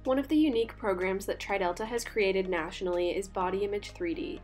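A woman's voice: medium pitch, fairly quick, darkish tone, soft background music. A young woman giving scripted voice-over narration for a house tour, upbeat and informative. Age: young adult.

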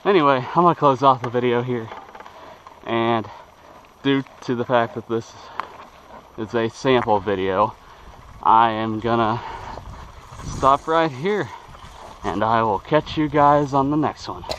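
A man's voice: medium pitch, unhurried, pauses often, fairly bright tone, slight background noise, low-quality recording. A young man talking casually to the camera as he rides a bike outdoors, rambling and stumbling over his words, recorded on a handlebar camera. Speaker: vlogger. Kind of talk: casual vlog talk while riding. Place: outdoors riding a bike through a wooded yard. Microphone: handlebar-mounted action camera.

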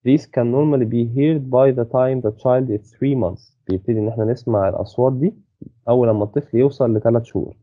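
A man with an Egyptian Arabic accent teaching a university lesson. He reads English slowly, then explains quickly in Arabic, with many hesitant restarts, and checks that his listener has understood. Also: medium pitch, dry recording. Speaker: university lecturer. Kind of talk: lecture explaining a textbook, mixing Arabic and English. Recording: dry, phone-like audio.

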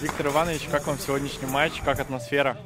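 A man's voice: mid-range voice, little pitch movement, quick pace, a loud crowd. A male reporter putting short interview questions outdoors at an ice rink. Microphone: handheld reporter microphone. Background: music.

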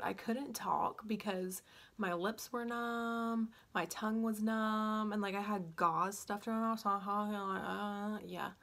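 Young woman, gravelly fry at a medium pitch, scattered beauty-vlog chat through a stiff, sore mouth after wisdom teeth removal. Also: a bit bright. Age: young adult. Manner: drowsy, scattered, rambling. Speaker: beauty vlogger. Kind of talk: casual chatty makeup tutorial. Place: indoor room at home. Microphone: phone on a stand at about arm's length.

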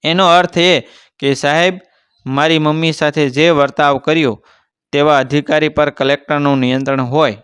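A man's voice: fairly high pitch, fairly even intonation, moderate pace, fairly bright tone, clear, resonant tone, dry recording, clean studio sound, close to an everyday voice. A man voicing a determined, earnest village schoolboy from a poor family. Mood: resolute. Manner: earnest, resolute.

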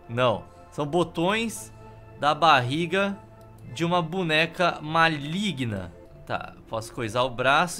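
A Brazilian man streams a game in a slightly high voice, with music playing behind him. He comments casually on what he is doing. His humour is wry and offhand. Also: sharp tone. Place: indoor room.

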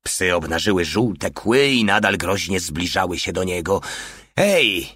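A man reading an audiobook in steady, wry scripted narration. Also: sits low, normal speed, husky, dry recording, clean studio sound.

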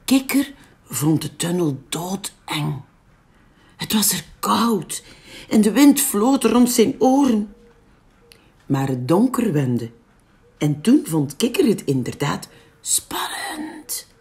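A woman with a Flemish accent reading a picture book aloud for young children. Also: mid-range voice. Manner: slow, very lively storytelling. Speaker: library storyteller.

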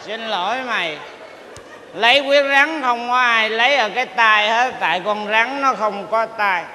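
Pompous tipsy drinker, high bright voice, stage hall echo. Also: male voice, measured pace, exaggerated voice. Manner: blustering, pompous speeches. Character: boastful tipsy man leading a drinking round. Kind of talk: stage comedy sketch. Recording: reverberant stage hall with faint noise.

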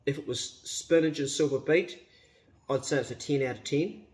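A man's voice: on the high side, steady tone, moderate pace, a little mellow, slightly rough. A middle-aged man with a broad New Zealand accent, chatting casually to camera in a laid-back, blokey, slangy way. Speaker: vlogger. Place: around a house: kitchen, yard and glasshouse. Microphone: phone at arm's length.

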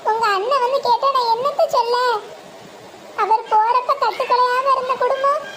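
A performer voicing an anxious elder sister-in-law, coaxing the family to stay together. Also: female voice, very high-pitched, steady tone, moderate pace, fairly bright tone, a little hiss or hum. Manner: coaxing, worried.

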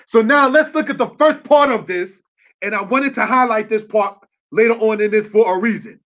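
Male street preacher, high voice, muffled low-fi sound, keeps asking "you understand?". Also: moderate pace, fairly bright tone. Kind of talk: religious teaching.

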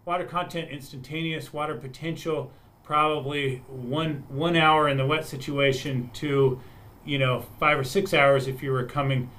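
A man's voice: fairly high pitch, steady tone, moderate pace, a bit bright. A man on a webinar panel explaining soil moisture data, talking through it with frequent restarts and repeated words. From United States.

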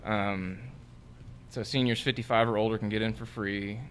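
A young man with a lowish voice talks casually at a desk mic in a newsroom studio. He halts often and searches for words, with a faint hum behind him. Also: steady tone, a bit bright. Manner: halting, searching for words, many ums. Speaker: features intern, guest. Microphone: desk microphone.

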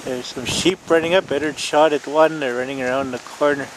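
A man giving casual running commentary while filming a hunting trip in snowy mountains, relaxed and plain, laughing now and then. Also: mid-range voice, fairly quick. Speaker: videographer narrating a hunting trip. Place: outdoors in snowy mountains, windy. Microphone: handheld camera mic. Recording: wind noise on a camera mic.

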